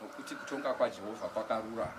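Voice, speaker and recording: A man giving a church testimony, speaking haltingly and with feeling, often restarting words. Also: lowish voice. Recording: distant mic with faint outdoor noise.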